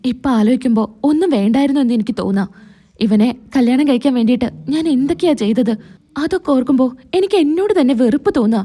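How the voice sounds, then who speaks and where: A wounded young wife, read by a woman, pleading and reproachful, high and mellow. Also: animated, fast talker. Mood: sorrowful.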